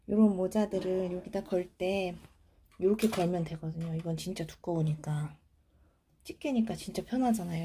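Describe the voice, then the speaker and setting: A woman casually demonstrating a home organizing tip, talking softly as she works and often dropping to a whisper. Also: on the low side. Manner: talks softly while working, often drops to a whisper. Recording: faint background noise.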